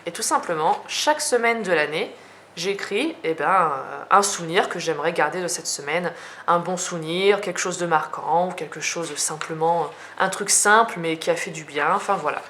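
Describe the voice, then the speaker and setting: A woman's voice: lowish voice, normal speed, fairly bright tone, a little hiss or hum. A young French woman chatting casually as she shows her journals, talking with many fillers and restarts. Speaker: journaling vlogger. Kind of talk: casual show-and-tell.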